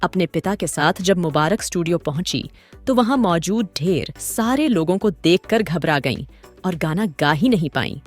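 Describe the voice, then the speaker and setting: With background music behind her, a woman acting as host and narrator tells a scripted documentary story in dramatic, literary fashion. Her voice is fairly low-pitched and expressive, moving at a moderate pace.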